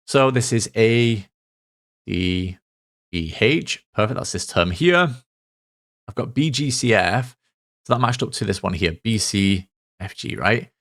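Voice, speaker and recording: A man, a maths tutor talking through a worked solution step by step, a little hoarse from losing his voice. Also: on the low side, a bit bright. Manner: methodical, talks through steps aloud.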